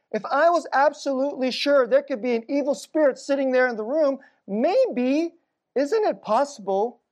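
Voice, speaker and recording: A middle-aged Korean American woman from the United States tells stories during a sermon in a casual, conversational style. At tense moments her voice drops to a hushed, low register.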